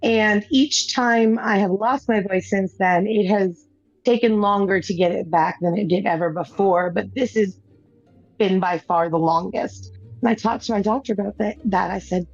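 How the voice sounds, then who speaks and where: Chatting casually while gaming, a stream host tells a rambling story in a mid-range voice at a moderate pace, often laughing and restarting what she's saying. Music plays faintly behind her on a dull, dry lo-fi recording.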